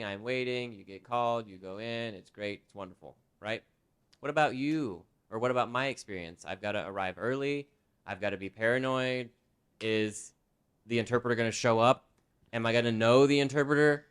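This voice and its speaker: A man interpreting sign language voices a presenter's signed talk aloud in the first person. His delivery is lively and conversational, his voice smooth and mid-range.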